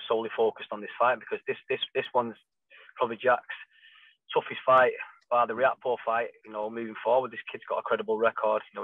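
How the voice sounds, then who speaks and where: A man's voice: mid-range voice, no echo. A man, a boxing trainer, answering interview questions in an emphatic, conversational way over a thin, phone-like connection. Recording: thin phone-like call audio, dry.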